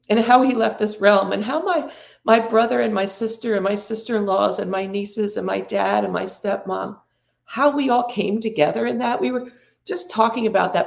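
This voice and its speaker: A middle-aged woman hosting an inspirational talk, speaking in slow, drawn-out, reflective phrases and inviting the listener to breathe. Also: medium pitch, creaky, a little mellow, echoey room. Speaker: podcast host and spiritual coach.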